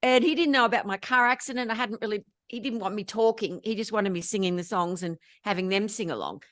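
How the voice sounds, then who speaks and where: An Australian woman telling lively stories as an interview guest, often laughing between anecdotes. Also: medium pitch, quick pace, no room sound, studio quality. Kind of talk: storytelling in casual interview chat.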